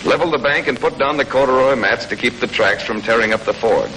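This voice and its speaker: Fairly quick and pushed, with a bright mid-range voice, this American man gives scripted, down-to-earth instruction with folksy touches. He resembles a 1940s military training film narrator, and the sound comes from a noisy old soundtrack of that period.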